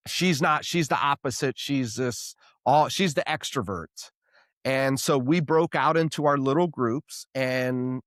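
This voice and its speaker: Animated storytelling man, dry close mic. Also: medium pitch, no room sound. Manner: animated storyteller, acts out quoted voices. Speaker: podcast host. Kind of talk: casual interview chat.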